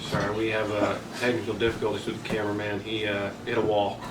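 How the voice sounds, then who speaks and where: A man's voice: on the low side, monotone, fast talker. A man from the US Northeast with a Vermont accent, chatting casually as an interview guest in a rambling, self-deprecating way. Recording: echoey room, distant mic, noisy background.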